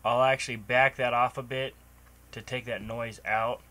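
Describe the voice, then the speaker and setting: In a home room with a computer running and the door open, a man casually walks through a home recording tutorial on a cheap microphone, rambling with ums and restarts. He speaks at medium pitch and normal speed in a level, bright, forceful tone.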